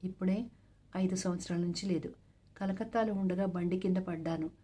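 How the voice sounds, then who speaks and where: A troubled young landlord husband speaks haltingly, his mellow tone soft and unhurried, as a woman reads his part. He trails off, hesitant and uncertain, in a storybook reading. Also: lowish voice, steady tone, breathy edge.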